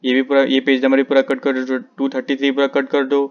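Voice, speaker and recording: A man's voice: mid-range voice, completely flat delivery, a little fast, lo-fi sound. A male physics teacher, walking students through which textbook sections to skip, repeating page numbers and instructions over and over. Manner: repetitive, instructive, page-by-page directions. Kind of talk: syllabus walkthrough lesson.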